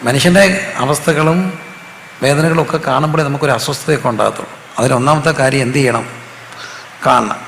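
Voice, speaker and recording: A male pastor preaches a call-and-response sermon, asking the congregation questions and having them repeat the answers. His mid-range, fairly bright voice is a little fast, with vocal fry and frequent pauses. The recording has roomy hall reverb and faint noise.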